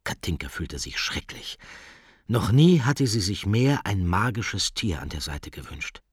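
Husky, lively male storybook narrator. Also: on the low side, unhurried, no echo, studio quality. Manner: lively, expressive reading. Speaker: audiobook narrator.

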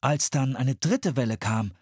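A male audiobook narrator tells a storm at sea with expressive storytelling. His voice is a little husky and moves through a lively pitch range. The close studio recording is dry. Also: unhurried, no room sound.

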